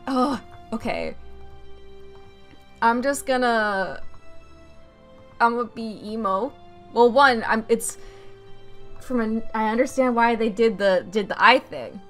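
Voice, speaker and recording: Excitable, swearing young woman reacting. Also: fairly high pitch, slow, pauses often, soft background music. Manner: excitable, rambling, swears freely, laughs often. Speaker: reaction video host. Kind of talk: casual reaction commentary.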